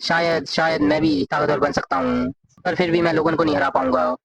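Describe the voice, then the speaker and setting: A man voicing a timid, bullied, overweight teenage schoolboy from a comic, reading the lines plainly with sudden upward jumps in pitch. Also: sing-song, brisk, a crowd in the background, poor audio. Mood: wistful.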